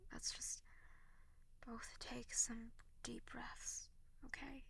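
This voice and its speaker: A young woman's fairly high voice performs a tsundere tutor for an audio role-play, snapping and scolding at first before dropping into breathy, faltering, apologetic near-whispers.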